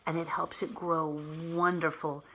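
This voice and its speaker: In a low voice, a woman teacher reads a picture book to young children with lots of expression, stopping to explain things simply and stressing key words. The recording is rough, with a slight hiss or hum.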